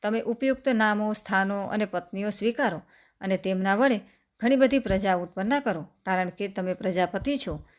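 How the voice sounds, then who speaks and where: A woman reading a devotional scripture story aloud. Her recitation is steady and measured, and she slows down over long lists of sacred names. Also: medium pitch. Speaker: scripture reader.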